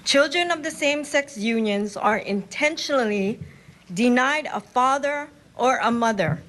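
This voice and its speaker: A woman reading a prepared statement in a measured, deliberate way at a podium in a state capitol hearing room. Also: on the high side, a bit bright. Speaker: public testifier. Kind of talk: prepared public testimony.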